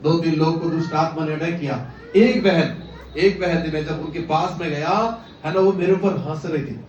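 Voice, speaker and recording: Fervent male preacher, high tenor, echoey church hall, heard from a distance on a dull recording. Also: normal speed, a little mellow, slight background noise. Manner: fervent preaching with frequent hallelujahs and questions to the congregation. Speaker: pastor. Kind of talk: sermon.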